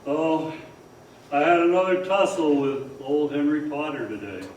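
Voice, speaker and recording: An actor playing a tired, kindly older father in a radio drama on stage, gentle, measured and plain-spoken. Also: fairly high pitch, lightly acted. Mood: weary. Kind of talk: old-time radio drama acting on stage. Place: performance hall, far from the microphone. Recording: very echoey, distant stage recording, faint noise.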